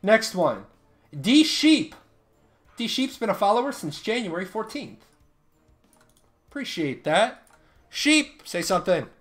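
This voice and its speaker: High-voiced joking male streamer. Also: big pitch swings, a little slow, long pauses, fairly bright tone, soft background music. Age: 30s. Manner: joking, banters with chat. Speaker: streamer running giveaways. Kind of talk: casual live-stream chat.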